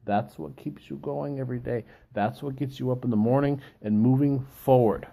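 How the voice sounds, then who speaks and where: A man giving a reflective solo talk, explaining and quoting in a deliberate, halting way with pauses mid-phrase. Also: medium pitch, creaky, dark tone. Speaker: book reviewer giving an informal chat.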